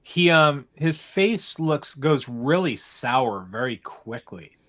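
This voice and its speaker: A man narrating a tabletop game as game master, halting and filling pauses with ums and uhs. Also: mid-range voice, animated, a bit bright.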